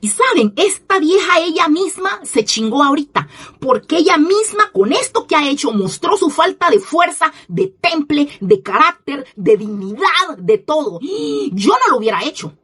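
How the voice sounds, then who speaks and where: A woman's voice: high voice, big pitch swings, moderate pace, a bit bright. A woman giving an indignant, scornful opinion monologue as a commentator, repeating herself for emphasis.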